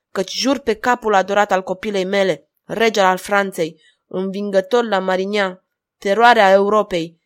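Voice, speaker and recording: A woman's voice: on the high side, darkish tone, lightly acted. A woman voicing an aging male court jester, an anxious doting father, in an emotional, raised reading.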